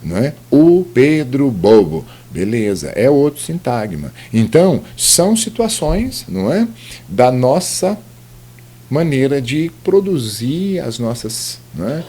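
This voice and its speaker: A man's voice: mid-range voice, warm tone, slightly rough. A man teaching grammar over slides, explaining step by step with many tag questions. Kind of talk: recorded slide lecture.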